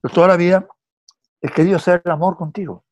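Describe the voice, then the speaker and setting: A man's voice: sits high, fairly even intonation, fast, no echo, lo-fi sound, natural voice. Man doing a brash, pushy young guy. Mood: cheeky. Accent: Venezuelan. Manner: pushy, playful, insistent.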